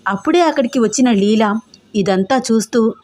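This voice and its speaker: A woman narrating an audio story in a steady, expressive reading. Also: a little high, normal speed.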